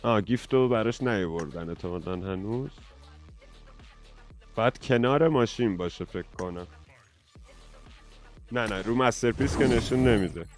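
A man's voice: fairly low pitch, long pauses, soft background music. A man hosting a mobile gaming video, chatting casually and joking with a friend while talking to his viewers. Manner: lively, joking, addresses viewers directly. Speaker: gaming streamer host.

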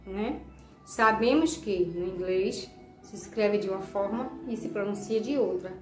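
Native Portuguese-speaking woman as a patient English teacher, drawn-out pace, roomy echo. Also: mid-range voice, darkish tone. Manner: slow, patient, repeats words and checks with "ok?". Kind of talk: recorded classroom lesson.

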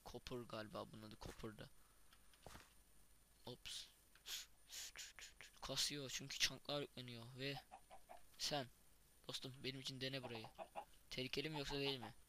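A young man chats through his game session in a bright, forceful voice, exclaiming and thinking aloud at every find. There is a faint hiss behind him and the odd mouse click, as at a home desk setup. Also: medium pitch, moderate pace, pauses often. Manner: chatty, excitable, thinks aloud and exclaims at finds. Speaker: gaming YouTuber. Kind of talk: casual Minecraft let's play commentary.

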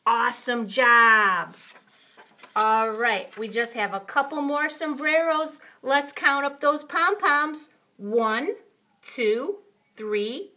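A high-voiced woman in the manner of a kids show host. She teaches little ones slowly, with encouraging praise and sing-song questions addressed straight to them. Her delivery swoops up and down. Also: pushed and bright. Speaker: children's counting teacher and host.

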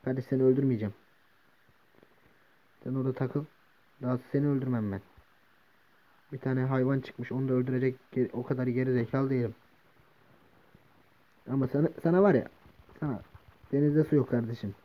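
Excitable man yelling at game monsters. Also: mid-range voice, brisk, long pauses, highs cut off. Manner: excitable, shouts and swears at the monsters attacking him; talks to the game mobs and to viewers as "gençler". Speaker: gaming video host. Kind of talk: casual let's play commentary.

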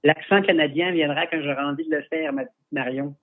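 A French male photographer chats on a livestream, fielding viewer questions through a headset with many hesitations and restarts. His voice is a little high and steady in tone at a quick pace, heard through husky, tinny call audio.

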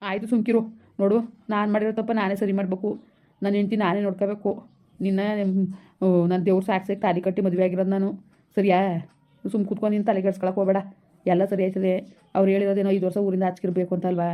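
A woman playing a soothing young village husband, rapid-fire. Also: medium pitch, little pitch movement, muffled recording, lightly acted. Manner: soothing, repetitive coaxing. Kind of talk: village skit acting.

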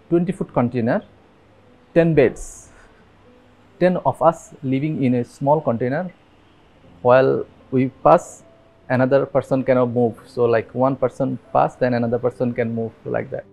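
A Bangladeshi man in his thirties, interviewed in a dim room on a lapel mic, telling his story earnestly with halting restarts. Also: mid-range voice, gravelly, darkish tone, poor audio. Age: 30s. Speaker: interviewee, migrant worker. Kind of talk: documentary interview. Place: dim indoor room with fans.

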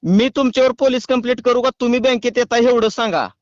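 A man making a prank phone call, calm and teasing in a mock-official way. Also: very high-pitched, fast, no echo. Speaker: prank caller.

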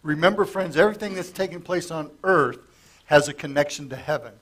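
A little high and a bit bright, the pastor's voice moves slightly fast through a conversational, verse-by-verse sermon. He's a middle-aged man at a lectern microphone in a church sanctuary, asking the congregation questions while coughing and losing his voice.

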